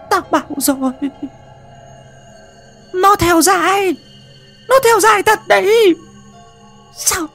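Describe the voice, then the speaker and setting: A woman voicing an old nanny in an audio horror story, scolding and stammering in a shrill manner. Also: gravelly, fairly bright tone, exaggerated voice. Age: older.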